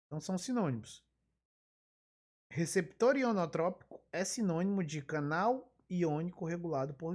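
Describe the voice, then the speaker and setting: Woman teaching a live physiology class, lowish voice, repeats terms a lot, asks rhetorical questions. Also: darkish tone. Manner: explanatory, repeats key terms, wanders into asides. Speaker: physiology lecturer. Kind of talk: live online lecture.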